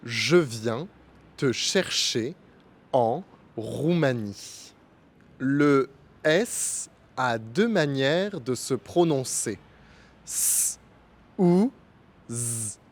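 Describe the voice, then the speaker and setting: A man teaching pronunciation in a slow, scripted lesson, articulating each sound with care. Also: mid-range voice, animated. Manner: careful, deliberate articulation. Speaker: French teacher.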